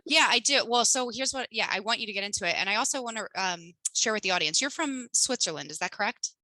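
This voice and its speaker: A woman's voice: mid-range voice, expressive, fast, bright, forceful tone, no echo. A woman from the United States hosting a podcast interview, enthusiastic and rambling, with lots of fillers. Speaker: podcast host. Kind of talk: conversational interview.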